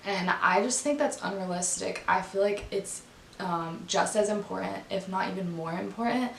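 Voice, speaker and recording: A young adult woman with a raspy voice, chatting casually and informally as she narrates a vlog, often saying "like". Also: medium pitch, moderate pace, roomy sound, slight background noise. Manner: informal, frequent "like". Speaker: vlogger.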